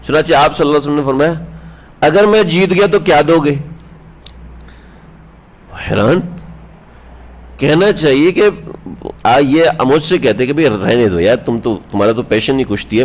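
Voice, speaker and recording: A male religious scholar giving a sermon, telling stories with rhetorical questions to his listeners and chuckling now and then. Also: medium pitch. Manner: chuckles while telling anecdotes. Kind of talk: Urdu sermon on the Prophet's life. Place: standing on a prayer mat, indoors.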